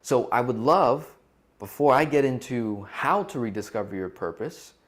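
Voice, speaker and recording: A male co-host leads an interactive coaching talk over a live video call, keeping it casual and conversational by asking questions and often checking in with "right?" He speaks at a moderate pace in an expressive, mid-range voice.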